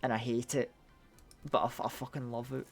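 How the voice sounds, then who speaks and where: A Scottish streamer talks through a game live in loose, casual chat. The voice sits at a middling pitch and runs excitable, with plenty of swearing. Words trip and repeat as the thoughts tumble out. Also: fairly quick, soft background music. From Scotland.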